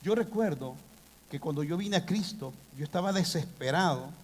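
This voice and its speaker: A man preaching a sermon, impassioned, with sudden loud bursts. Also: on the high side, expressive, moderate pace. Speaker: pastor. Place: church hall. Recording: long hall reverb.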